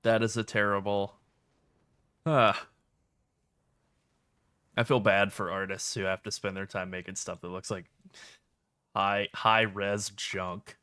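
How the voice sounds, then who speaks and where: Low-voiced guy streaming a game, crisp dry close mic, joking around. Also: flat delivery, slow pace, pauses often, pushed and bright, no echo. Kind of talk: casual gameplay commentary.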